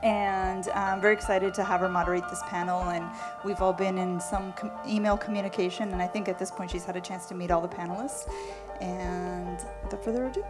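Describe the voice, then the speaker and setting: A woman's voice: fairly low pitch, fairly even intonation, brisk. A woman organizing the event, introducing the panel moderator in an upbeat way. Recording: loud music underneath.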